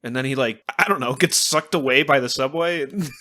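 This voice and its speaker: A man's voice: medium pitch, brisk. A man co-hosting a podcast, casually chatting about a film, sharing trivia and laughing often. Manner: animated, giggly, shares trivia. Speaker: podcast co-host. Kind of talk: casual movie-review chat.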